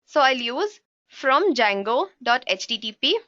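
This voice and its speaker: A woman with a high, bright voice teaches a live coding tutorial. She walks through each step and keeps addressing her listeners as guys. Her voice comes through a dull, dry livestream headset mic with no room sound. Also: very animated, a little slow, no room sound. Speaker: programming instructor.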